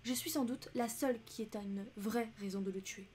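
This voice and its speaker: A woman's voice: on the high side, fairly quick, darkish tone, slight background noise, close to an everyday voice. A woman voicing a dignified young countess who speaks with composed, restrained intensity in an audiobook reading.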